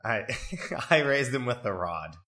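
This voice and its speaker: A man's voice: mid-range voice, expressive, pushed and bright. A man co-hosting a tabletop podcast with joking, profane banter, his voice echoing as if in a cave from a bare, newly moved-into room. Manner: joking, profane, quick to laugh. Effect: hollow cave-like echo from a bare new room. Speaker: podcast co-host running a character-building game. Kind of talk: casual banter while rolling dice. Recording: echoey bare room, no setup.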